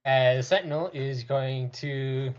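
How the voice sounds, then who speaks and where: A man's voice: medium pitch, fairly even intonation, a little slow, highs cut off, crowd noise. A man playing a tabletop role-playing game, talking casually through his moves. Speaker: player in a tabletop RPG.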